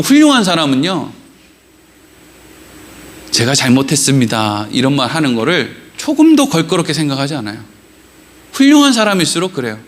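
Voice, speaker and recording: A middle-aged male pastor giving a lively, conversational sermon in a church, full of rhetorical questions and acted-out quotes. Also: high voice. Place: church sanctuary.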